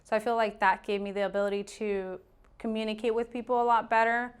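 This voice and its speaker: On a laid-back podcast, a real estate agent in her thirties from Arizona talks fast and chattily, open and quick to laugh. Her mid-range voice is clean in tone and shows little pitch movement.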